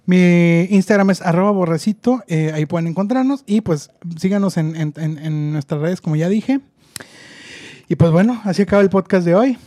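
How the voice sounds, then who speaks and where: A man's voice: sits high, normal speed, dark tone, no room sound, studio quality. A man co-hosting a casual podcast in a Mexican Spanish accent, joking crudely with his friends. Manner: crude joking, laughs often. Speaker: podcast co-host.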